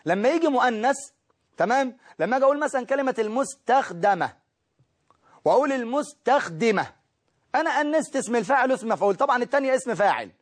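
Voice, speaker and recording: A man's voice: very high-pitched, animated, very fast. A man with an Egyptian Arabic accent teaching an Arabic grammar lesson, explaining step by step and checking in with his students.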